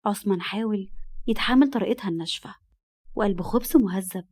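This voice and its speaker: A medium-pitched, slightly mellow female voice moves fast through a dramatized story, performing the dialogue and growing heated whenever scenes turn angry. The narrator speaks with an Egyptian Arabic accent.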